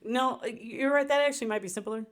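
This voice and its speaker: A woman's voice: on the high side, fairly quick. A woman co-hosting a podcast in casual chat, firing off exasperated rhetorical questions. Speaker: podcast co-host.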